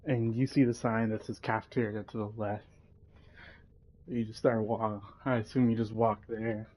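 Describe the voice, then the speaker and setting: A man's voice: on the low side, level tone, moderate pace, mellow. A man narrating a casual role-play story, rambling with many fillers, on a dull lo-fi recording. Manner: rambling, full of fillers like "like" and "you know".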